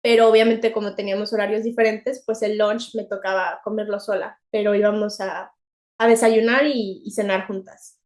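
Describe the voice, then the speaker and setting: A young woman with a Mexican accent, co-hosting a podcast in a chatty, animated way and laughing often. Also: medium pitch, moderate pace. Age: young adult. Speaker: podcast co-host. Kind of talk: casual chat.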